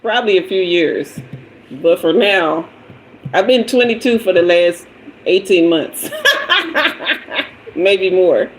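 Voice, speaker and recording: A woman in her fifties with a lowish voice hosts a casual tarot livestream, speaking slowly and pausing often. She chats playfully, greets viewers, asks them for emojis, and drifts away from and back to the mic. The low-quality recording carries a slight hiss or hum.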